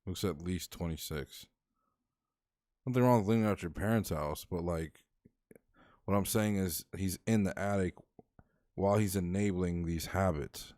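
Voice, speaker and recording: Low-voiced man reacting on a stream. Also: moderate pace, long pauses, darkish tone. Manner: chatty, swears freely, thinks aloud. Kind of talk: casual live-stream commentary.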